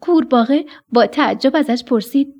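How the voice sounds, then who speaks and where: Breathy high woman telling a kids' story. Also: muffled recording. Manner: expressive, dropping to a whisper at tense moments. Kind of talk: children's story narration. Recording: soft music behind the voice.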